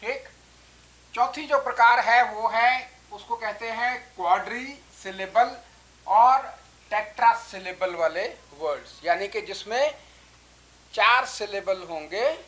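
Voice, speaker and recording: A woman giving a slow, deliberate lesson, counting out syllables as she explains. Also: medium pitch, fairly bright tone. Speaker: English teacher.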